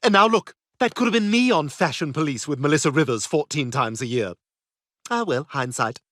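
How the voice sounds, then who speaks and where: A man's voice: a little high, lively intonation, a little fast, a bit bright, no echo, studio quality. An actor voicing a snobbish, catty British baby boy in a cartoon, talking in a posh, cutting, theatrical way. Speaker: patient. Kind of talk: cartoon voice acting.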